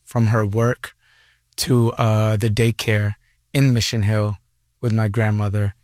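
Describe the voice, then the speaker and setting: Low-voiced, hesitant man from Boston. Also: flat delivery, slow, darkish tone, no room sound, studio quality. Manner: rambling, hesitant, many fillers. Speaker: guest performer. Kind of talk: casual radio interview.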